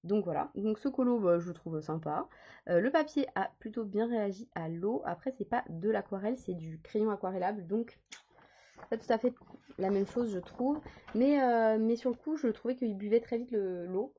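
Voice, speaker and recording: A woman's voice: mid-range voice, expressive, normal speed, breathy edge. A woman in her thirties chatting casually as a coloring vlogger, rambling with many fillers and restarts. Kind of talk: casual chat. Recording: dull lo-fi sound.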